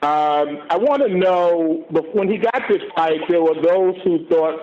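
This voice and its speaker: A man, a reporter asking questions over a phone line in halting, hesitant phrases. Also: on the high side, crowd noise. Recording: muffled phone line with faint noise.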